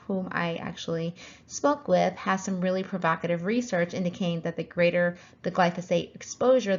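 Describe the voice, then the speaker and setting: A woman's voice: on the low side, lo-fi sound. A woman practitioner giving an educational talk on health, explaining step by step with frequent ums and self-corrections. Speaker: functional medicine practitioner.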